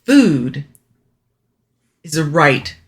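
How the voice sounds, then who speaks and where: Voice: medium pitch, big pitch swings, very slow. A player in a tabletop game, chatty and laughing, often thinking aloud. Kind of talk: casual tabletop play.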